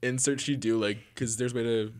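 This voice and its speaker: A man's voice: medium pitch, fairly even intonation, normal speed, darkish tone, no room sound. A young man co-hosting a college radio show, rambling with hesitant fillers and joking asides. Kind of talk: casual entertainment news chat. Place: radio studio.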